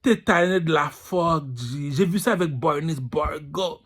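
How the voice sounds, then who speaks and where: A man's voice: fairly high pitch, a little slow, fairly bright tone. A man with a Quebec French accent, hosting his own channel in a boastful, crude, swaggering street-talk rant. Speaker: channel host. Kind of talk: ranting monologue.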